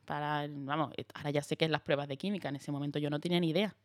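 A young woman from Andalusia, chatting as a guest and telling lively stories with laughs. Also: low-pitched, rapid-fire, no echo, clean studio sound. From Andalusia, Spain. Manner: lively storyteller, laughs often, acts out quotes. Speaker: guest actress. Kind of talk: casual chat.

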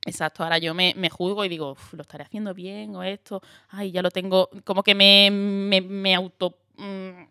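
A young woman with an Andalusian accent, a guest actress chatting casually and telling lively stories, acting out quoted dialogue and laughing often. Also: medium pitch, moderate pace, hardly any pauses, no room sound, studio quality. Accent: Andalusian Spanish. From Andalusia, Spain. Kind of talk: casual chat.

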